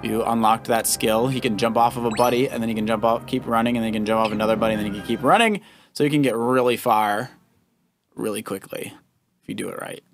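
With a lowish, steady voice and a fast delivery, a man who is probably middle-aged coaches his way through a children's let's play he co-hosts as a father. He casually comments on the game, explaining and advising on moves while video game music plays.

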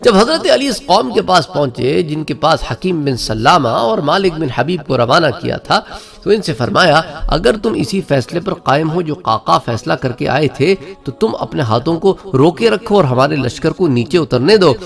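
A man's voice: on the high side, sing-song, gravelly. A man giving an Islamic history lecture, telling the story with quoted speech and recited verses. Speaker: religious lecturer.

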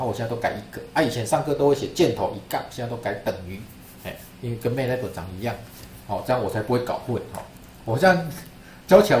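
A man lectures in with a chatty, repetitive way of talking, checking in with "right?" again and again. His voice sits at an ordinary pitch and sounds roomy, with a faint hiss behind it. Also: a little mellow. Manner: chatty, repeats himself, asks "right?". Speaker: statistics lecturer. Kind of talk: classroom screen-share lesson. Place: classroom.

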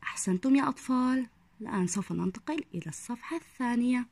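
A young woman teaching a phonics lesson to small children. She draws out each syllable slowly and gives soft, whispered praise. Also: a little high, animated, slightly rough. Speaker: primary school teacher.

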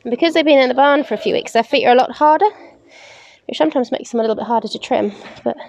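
A young woman with a fairly high voice talks through livestock chores in a practical, unhurried way, dropping in frequent ums as she works with her hands. She is recorded by a camera a few metres off, outdoors in a paddock and inside a large open farm barn. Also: creaky, a little mellow, lo-fi sound, slight background noise. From England. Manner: practical, explains while working, frequent "um". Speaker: livestock keeper. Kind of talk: casual farm demonstration.

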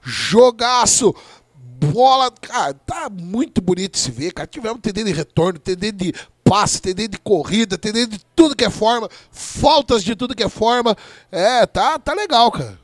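A man's voice: high voice, lively intonation, normal speed, dry recording. A Brazilian man giving informal, chatty live commentary on an American football game.

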